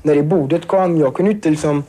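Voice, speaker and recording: A teenage boy recounts a personal ordeal in halting, filler-laden speech. His voice sits a little high but sounds mellow and dark. He restarts often and searches for words. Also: husky. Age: teens. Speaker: survivor interviewee. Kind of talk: emotional personal account.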